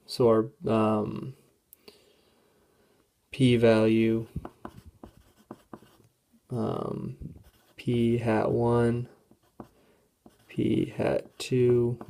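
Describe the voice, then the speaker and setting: A teenage student presenter walks through a statistics problem on a calculator for a classroom test walkthrough, thinking aloud haltingly with many fillers. The mid-range, dark voice is going hoarse, and the student keeps clearing their throat.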